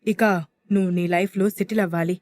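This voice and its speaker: Woman voicing a calm older father. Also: lowish voice, a little fast, dry recording, natural voice.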